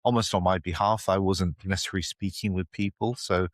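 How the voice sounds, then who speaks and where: A British man appears as a podcast guest, explaining ideas reflectively and conversationally in an interview, often tossing in "you know" and "right?". His low voice moves fairly quickly with fairly even intonation. The recording is dry and studio-clean.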